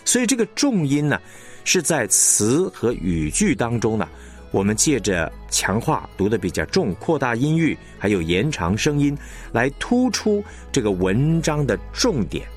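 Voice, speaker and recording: A man teaching announcing techniques in a recorded radio lesson, explaining in a measured, deliberate way and demonstrating how to phrase lines. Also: mid-range voice, very animated, faint music behind. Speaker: broadcasting instructor.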